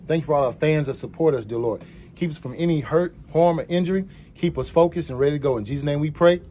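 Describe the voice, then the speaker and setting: A man's voice: fairly high pitch, quick pace, warm tone. A man leads a team prayer before a game, reciting short, repeated lines of thanks in a locker room. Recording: noisy locker room ambience.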